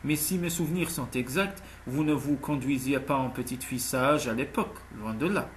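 A man's voice: medium pitch, moderate pace, slight background noise, natural voice. A man voicing a cynical, sceptical wealthy man in an audiobook, with a dry, cutting delivery. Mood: cold. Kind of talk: audiobook character voice.

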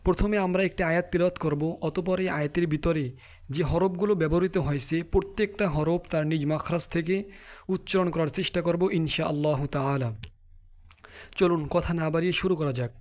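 A man teaching Quran pronunciation, explaining each letter quickly and then chanting the verses slowly. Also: a little high, steady tone, a little mellow. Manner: clears throat now and then. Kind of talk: Quran pronunciation lesson with recitation.

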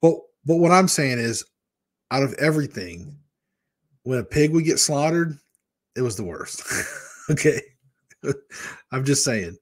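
Talking into a large desk microphone in front of a webcam, a Michigan man in his fifties who vlogs about weight loss hosts a casual live chat from a small home room. His mid-range voice has lively intonation, an unhurried pace, and frequent pauses. He's candid and rambles across stories.

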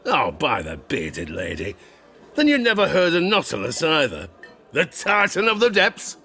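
With soft music in the background, an older man in an exaggerated, gravelly voice plays a grizzled harpooner telling a boastful, haunted tavern sea tale for an audio drama. His voice runs on the high side with huge pitch swings, a little slow, pushed and bright, and boisterous, heavy with salty sailor's dialect, chuckles and theatrical asides.

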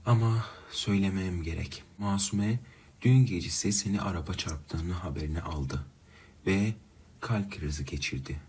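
A man's voice: sits low, moderate pace, darkish tone, slightly rough. A man reading the lines of a grave young male friend who hesitates to break bad news, in a somber manner. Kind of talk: storybook reading.

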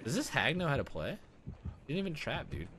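Young man, live gameplay commentary, excitable, profane, animated pitch, faint background hiss. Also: brisk. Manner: excitable and profane, swings between loud outbursts and low mutters. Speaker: streamer playing a survival horror game.

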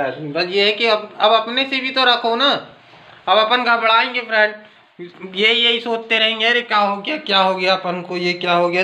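A man's voice: high-pitched, pushed and bright, echoey room. A man chatting casually to viewers in a home vlog, filming on his phone in the kitchen. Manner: chatty, addresses viewers as friends. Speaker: vlogger.

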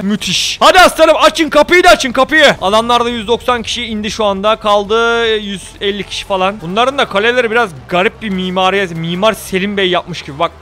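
A young man giving gameplay commentary, excitable, bantering in slang and shouting orders at his troops. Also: sits high. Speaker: gaming YouTuber.

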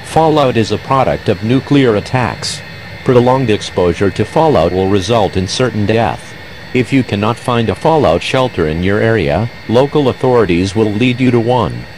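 A man reads a scripted emergency alert that interrupts regular programming. His voice sits a little low, and his delivery stays flat, measured and official. Steady background noise runs clearly under the broadcast audio. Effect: emergency alert broadcast cutting into regular programming.

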